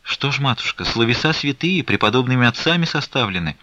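Man doing a timid old nun, pleading, hushed, lifted pitch, dry close sound. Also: lively intonation, brisk, no room sound, highs cut off. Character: timid elderly nun, meek and frightened.

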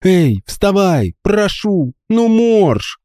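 A man's voice: high voice, sing-song, extremely slow, dark tone, no echo, clean studio sound, voice pushed up, exaggerated voice. A man voicing a frantic female mercenary. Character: tough young female mercenary, worried and drowsy.

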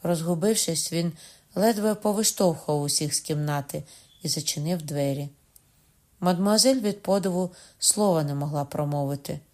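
A woman reads a novel aloud in the first person, expressive and lively. Her natural voice sits a little low, and her pitch springs up when the story turns excited. The reading is steady and measured between those bursts. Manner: lively, rising high when quoting excited speech. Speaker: audiobook narrator.

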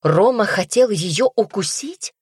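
A woman voicing a pushy, excitable young sister who presses questions in a higher, raised voice. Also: measured pace, slightly rough, no echo, clean studio sound. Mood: alarmed. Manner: insistent, raises voice.

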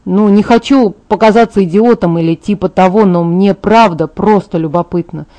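A woman's voice: medium pitch, moderate pace, mellow, close to an everyday voice. Jacob, a woman reading a blunt teasing teen boy. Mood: curious. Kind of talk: audiobook character reading.

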